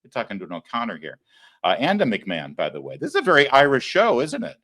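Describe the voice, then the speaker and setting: A man's voice: mid-range voice, huge pitch swings, quick pace, a bit bright. A man hosting a political talk show, sarcastic and mocking, laughing at his own jokes. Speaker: show host. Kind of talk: opinionated political commentary.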